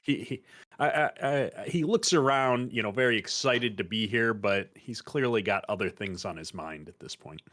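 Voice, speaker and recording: Low-voiced stumbling tabletop player. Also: male voice, moderate pace, a bit bright. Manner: stumbling, filler-heavy description of his character. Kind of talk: playing a tabletop game.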